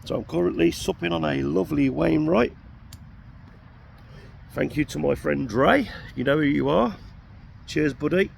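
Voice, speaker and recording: Man, croaky throat, rambling self-mocking camp vlogger, light road noise behind. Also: a little high, moderate pace, long pauses. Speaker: camping vlogger. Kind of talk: casual chat to camera. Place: outdoors at an urban roundabout camp at night.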